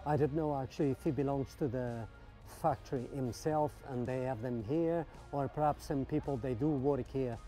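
Over soft background music, a vlogger touring a car meet gives casual, enthusiastic commentary as he walks around an outdoor car park, admiring things and putting questions to his viewers. His voice is warm, medium in pitch and moderate in pace.

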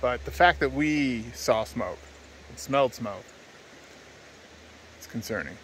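Out at a forest campsite, a man in his thirties who makes travel vlogs narrates his camping video in an expressive, medium-pitched voice. His delivery is casual and matter-of-fact, broken by hesitations, and his arm's-length handheld phone catches faint ambient noise.

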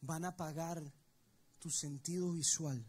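A man's voice: fairly high pitch, steady tone, a little slow, a little mellow, slightly rough. A man preaching a sermon to his church, telling the story with emphasis and speaking straight to the congregation. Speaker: pastor. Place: church service.

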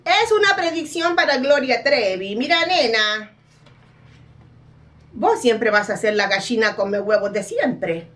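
A woman's voice: a little high, very animated, a little slow, fairly bright tone, far from the mic. Woman doing a brash scolding card-reading psychic. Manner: scolding, dramatic, laughs at her own jabs. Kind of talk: comic parody card reading.

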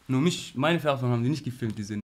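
Young male interview guest, casual slangy storyteller, medium pitch. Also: fast, a little hiss or hum. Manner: animated, slangy, frequent "Bruder" and "weißt du".

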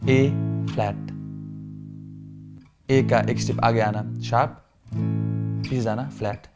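A man teaching a beginner guitar lesson, switching between Hindi and English, often repeating and correcting himself. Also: mid-range voice. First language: not Hindi. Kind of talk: casual lesson explanation.

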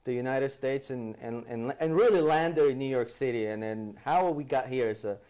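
Animated man telling his life story. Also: mid-range voice, normal speed, clear, resonant tone. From El Salvador. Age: 40s. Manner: animated, gestures with hands, many restarts. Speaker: guest speaker. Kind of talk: storytelling interview. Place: TV studio set, seated in armchair. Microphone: lapel mic.

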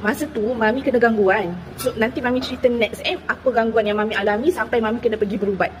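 A woman from Terengganu, Malaysia, telling viewers about a personal experience in a chatty, animated way with many fillers. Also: on the high side, fast, noisy background. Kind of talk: casual storytelling to viewers.

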